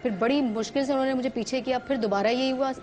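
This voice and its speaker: A woman's voice: high voice, fast talker, a little mellow. A woman from Pakistan, a talk-show guest, telling a vivid personal story and acting out what others said.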